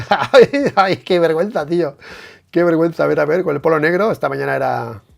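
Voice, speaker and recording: A man with a Spain Spanish accent, giving a casual, emphatic live stream analysis of a motorcycle race, swearing and tagging his points with quick questions. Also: fairly high pitch, vocal fry. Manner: animated, emphatic, swears, many tag questions.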